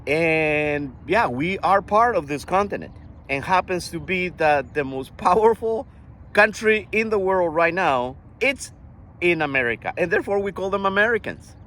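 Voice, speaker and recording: An older man from Costa Rica talking earnestly in a casual monologue, often halting and restarting his sentences. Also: sits high, animated, fairly bright tone, a little hiss or hum. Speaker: vlogger.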